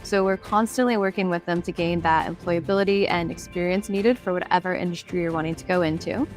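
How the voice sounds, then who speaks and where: A woman's voice: on the low side, fairly even intonation, brisk, soft background music. A female student from the United States, giving a chatty, upbeat promotional testimonial.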